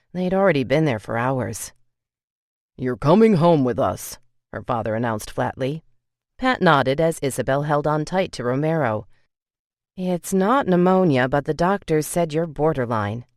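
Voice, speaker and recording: A woman reading a romance audiobook in a steady, even storytelling voice. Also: sits low, no room sound, clean studio sound. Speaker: audiobook narrator. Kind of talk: scripted romance narration.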